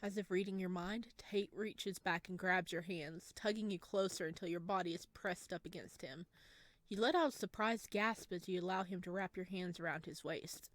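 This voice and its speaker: A woman speaks at a fairly low pitch and moderate pace, with no echo around her. She's playing a horror visual novel, reading its second-person narration and making side comments to viewers.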